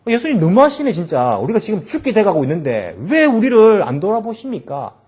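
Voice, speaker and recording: A man's voice: high voice, wildly swooping pitch, brisk, a little mellow, husky, voice pushed up, full character voice. A man voicing frightened male disciples who plead and complain, in a raised, reproachful voice.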